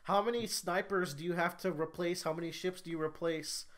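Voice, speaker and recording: Eager, higher-voiced man chatting. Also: steady tone, fairly quick, a bit bright. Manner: enthusiastic, steers the talk. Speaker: podcast co-host. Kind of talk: casual chat.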